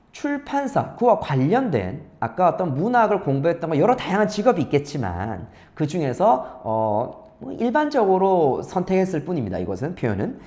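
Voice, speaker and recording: A Korean-speaking man teaching English speaking, reading English lines slowly and explaining them briskly. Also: a little high, a little mellow. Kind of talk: lecture.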